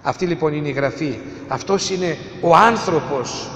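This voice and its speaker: A man preaching a sermon, emphatic, asking rhetorical questions and swinging between loud and hushed delivery. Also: a little high, a little hiss or hum. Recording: echoey hall with long reverb.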